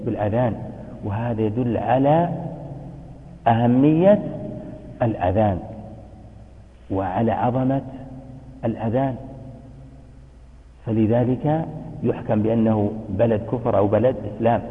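A man's voice: mid-range voice, normal speed, pauses often. A man giving a religious lesson, quizzing his students and answering his own questions. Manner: chants the call to prayer in demonstration. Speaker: religious teacher. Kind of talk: classroom lesson. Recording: tinny phone-like sound in a reverberant hall.

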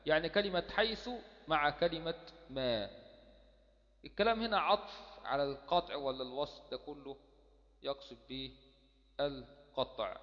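A man with an Egyptian accent teaching Quran recitation rules, quoting verses in a slow chant and answering his own questions. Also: mid-range voice. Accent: Egyptian Arabic. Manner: asks rhetorical questions and answers them himself. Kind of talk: explaining a verse text line by line. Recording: dull sound with long reverb.

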